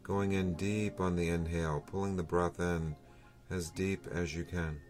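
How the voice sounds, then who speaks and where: A man with a very low voice guides a breathing meditation. He speaks very slowly and soothingly, leaving long, unhurried pauses between short phrases. Faint music plays behind his voice. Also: fairly even intonation, a little mellow. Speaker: meditation teacher.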